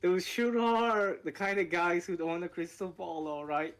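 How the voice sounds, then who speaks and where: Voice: mid-range voice, moderate pace. A co-player making wry, dry asides while a game is being played. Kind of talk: casual game commentary.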